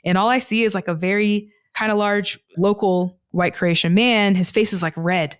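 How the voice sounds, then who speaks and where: A woman from Texas in the United States, a podcast guest, tells personal travel stories earnestly and reflectively, slowing down on the heavy points. Her medium-pitched voice is smooth with fairly even intonation. The clean studio sound has no echo.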